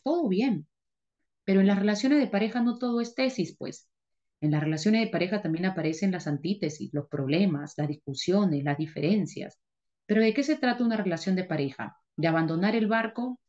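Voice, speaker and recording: A woman's voice: on the low side, darkish tone, highs cut off. A woman teacher giving an emphatic motivational lecture, repeating her points and answering her own rhetorical questions. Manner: emphatic, repetitive, asks herself rhetorical questions.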